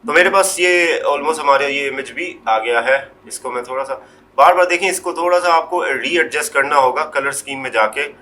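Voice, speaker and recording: Man calmly explaining a Photoshop tutorial. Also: fairly high pitch. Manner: unhurried step-by-step explaining, trailing off quietly; mixes English words into Hindi. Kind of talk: screen-recorded software tutorial.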